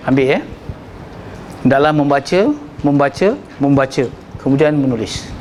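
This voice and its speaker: A man's voice: mid-range voice, level tone, moderate pace, a little mellow, slight background noise, rough recording. A man with a Malaysian Malay accent giving a workshop lecture as a religious teacher, conversational, acting out examples and often checking in with "ya". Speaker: religious teacher leading a sermon-writing workshop.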